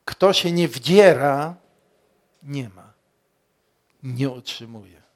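A man preaching a sermon as pastor, slow and emphatic, asking the congregation questions and rising to loud peaks. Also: medium pitch.

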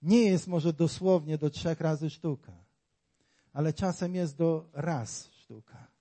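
Male preacher, high-pitched and unhurried, working the congregation with questions and emphatic rises. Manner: emphatic, rising and falling between loud exclamations and quiet asides; talks directly to the congregation with rhetorical questions. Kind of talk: sermon.

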